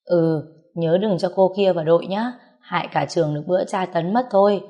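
A woman voicing a gaggle of gossipy teenage schoolgirls, gushing and excitable. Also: lowish voice, fairly quick, highs cut off, close to an everyday voice.

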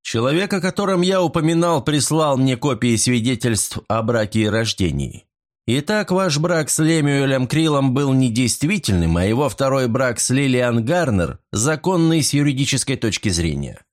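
A man's voice: medium pitch, sing-song, normal speed, pitched above the performer's own voice, lightly acted. A man voicing a stern male detective who speaks in clipped, emphatic sentences in an audiobook.

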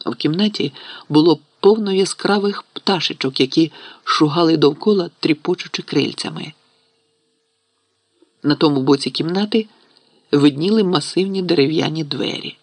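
Gravelly male audiobook narrator. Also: on the high side, normal speed, no room sound. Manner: steady storytelling. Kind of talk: scripted narration.

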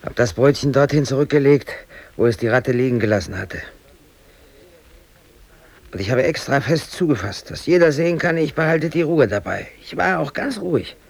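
In a radio drama monologue, an actor plays a brooding, aggrieved East German bakery worker in his thirties who is under arrest, telling his story as a confession. His mid-range, creaky voice is animated at a moderate pace, colloquial, emotionally intense, and self-justifying as he tensely recounts events.

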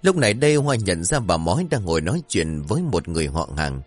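A man's voice: low voice, big pitch swings, fast, faint music behind. A man narrating a scripted horror story in a dramatic, suspenseful way.

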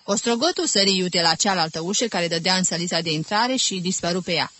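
A woman reading a literary novel aloud as an audiobook, in a lively, expressive storytelling manner. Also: lowish voice. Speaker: audiobook reader.

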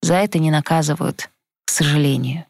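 Woman doing weary male detective, mocking, slow drawl, low voice, dry close sound. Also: a little mellow, husky, no echo.

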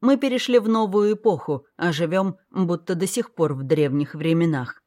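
A wry, world-weary young man, read by a woman narrator in a storybook. The delivery is dry and matter-of-fact, on the lower side of her voice. It sounds close and dry. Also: moderate pace, mellow, dry recording, natural voice. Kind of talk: audiobook character voice.

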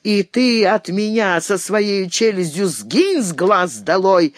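A woman's voice: medium pitch, sing-song, slow, no room sound, studio quality. A woman reading an audiobook, voicing a quarrelsome old mother who wails and scolds shrilly. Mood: shrill scolding.

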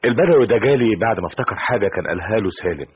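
An actor playing a calm Egyptian teacher with an Egyptian accent who explains and soothes, in an old radio drama. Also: male voice, fairly low pitch, rapid-fire, husky. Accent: Egyptian Arabic. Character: calm male Egyptian teacher, steady helper. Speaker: teacher who brings news. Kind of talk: 1970s radio drama acting. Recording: dull old radio recording.

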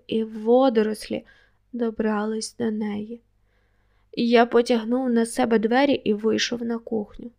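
Gravelly, even-toned woman narrating an audiobook. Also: on the high side. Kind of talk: first-person audiobook narration.

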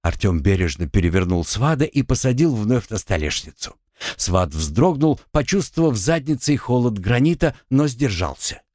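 A man narrating a fiction audiobook with expressive storytelling. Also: mid-range voice, moderate pace, no room sound, studio quality. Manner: expressive storytelling with acted dialogue.

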